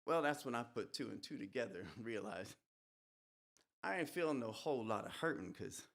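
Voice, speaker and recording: At a live art museum event, a stage performer plays a young soldier returned from the dead, delivering a dramatic monologue in a folksy rural dialect. The voice is mid-range and close to everyday speech, with lively intonation and normal speed. The eerie, folksy storytelling is punctuated by whispered hisses.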